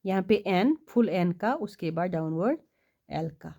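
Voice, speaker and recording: A woman teaching shorthand, explaining step by step, asking questions and answering them herself, and reading rules slowly. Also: on the low side, lively intonation. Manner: reads English rule text slowly and deliberately; drops to quiet, trailing asides while writing outlines. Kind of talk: classroom explanation.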